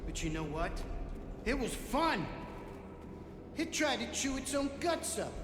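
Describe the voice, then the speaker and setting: Eddie, a gleeful, taunting killer. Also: male voice, very high voice, big pitch swings, a little slow, exaggerated voice. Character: menacing unhinged young man, gloating killer. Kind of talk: video game voice acting. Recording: echoey hall with loud game music.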